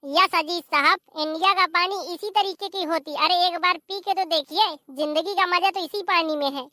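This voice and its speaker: Voice actor playing a squeaky high cartoon husband, fed up and yelling at his wife, dry close sound. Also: moderate pace, no echo. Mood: exasperated. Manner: shouting, complaining, scolding. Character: exasperated middle-aged village husband. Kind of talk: animated comedy voice acting.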